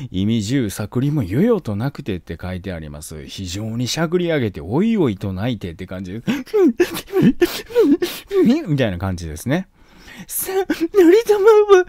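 A man with a Kansai accent teaching classical literature for exam prep, joking about the scenes and acting them out. His pitch leaps up and down constantly, and the sound is dry and close, with no room echo. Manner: joking, animated, acts out scenes.

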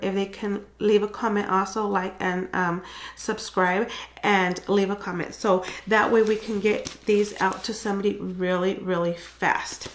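A woman's voice: mid-range voice, fairly bright tone, a little hiss or hum. A woman vlogger talking casually to her viewers, full of "um" and "like." Her voice sounds stuffy and congested, and the room around her is echoey. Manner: chatty, many fillers and likes. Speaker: beauty vlogger. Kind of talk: casual chat to camera.

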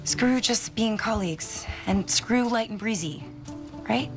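An earnest detective, music behind. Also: female voice, a little high, measured pace. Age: 30s. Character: earnest, eager, competitive female police detective.

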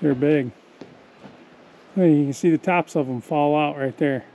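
A hiking vlogger in his forties chats casually as he walks a forest trail, thinking out loud about the trees. His voice sits on the high side, a little slow and warm in tone. The action camera he holds or wears outdoors gives a rough recording with slight background noise.

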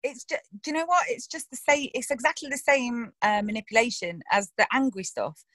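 Her voice leaning high, a young actress animatedly discusses a character she played, readily acting out quoted dialogue in a relaxed interview. The recording has no echo.

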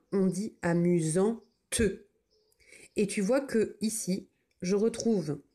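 Woman teacher, mellow tone, patient and slow, spelling words letter by letter for children. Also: mid-range voice.

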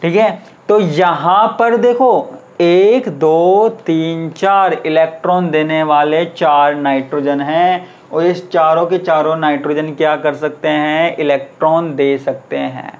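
Male chemistry tutor, somewhat high voice, drills terms by call and answer, dull lo-fi sound. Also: steady tone, slow, hardly any pauses. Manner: asks the class questions and answers them himself, repeating key terms. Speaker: chemistry teacher. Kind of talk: classroom lecture.

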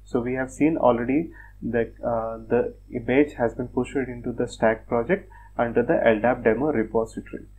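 A man presenting a screen-recorded software tutorial, talking step by step in a plain, methodical way with frequent fillers like "uh" and "like". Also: mid-range voice, fairly even intonation, normal speed, breathy edge, muffled recording. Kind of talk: screen-recorded technical walkthrough.

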